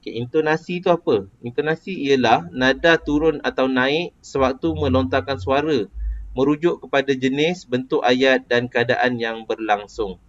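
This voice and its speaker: A man's voice: medium pitch, moderate pace. A man with a Malaysian Malay accent teaching a casual lesson, explaining patiently and quizzing a student. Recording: dull lo-fi recording.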